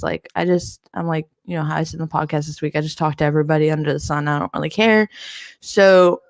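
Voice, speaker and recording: Chatty woman, low voice. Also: gravelly, dry recording, studio quality. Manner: chatty, laughs often, rambling storytelling. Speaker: podcast co-host. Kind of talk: casual chat.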